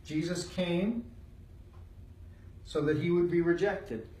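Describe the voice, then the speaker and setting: A man's voice: sits high, takes it slowly, darkish tone. A man teaching a Bible study, driving his points home through repeated phrases. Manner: emphatic, repeats phrases for weight. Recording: roomy sound from a distant mic.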